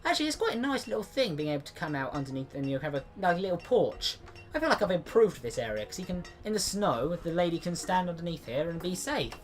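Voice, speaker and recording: A man's voice: high-pitched, sing-song, quick pace, faint music behind. Chatty man commentating a game. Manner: chatty, rambling, often restarts mid-sentence. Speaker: gameplay commentator. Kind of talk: casual let's-play commentary.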